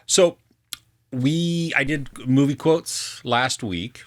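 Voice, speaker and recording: A man's voice: mid-range voice, slow. A man co-hosting a podcast in casual chat, laid-back and chuckling often. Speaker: podcast co-host.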